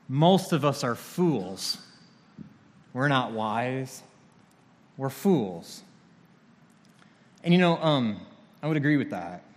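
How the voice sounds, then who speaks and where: A man preaching a sermon as a pastor, talking conversationally with dry humor. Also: mid-range voice. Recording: long reverb of a large hall.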